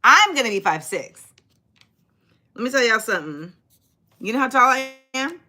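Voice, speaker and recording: This woman in her forties hosts a casual livestream, talking directly to her viewers in a chatty, sassy, animated way while reading and answering their comments. Her voice sits on the high side and moves at a moderate pace.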